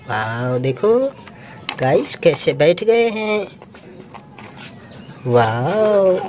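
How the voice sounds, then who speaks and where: A woman's voice: fairly low pitch, warm tone, a little hiss or hum. A woman narrating toy play for children, exclaiming over the toys and coaxing them like little kids.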